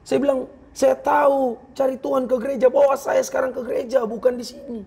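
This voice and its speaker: A man's voice: very high voice, flat delivery, fairly quick, vocal fry, darkish tone, slightly rough. Earnest man giving a heartfelt testimony. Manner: earnest, emotional, acts out quoted speech. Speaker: interview guest. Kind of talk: personal testimony.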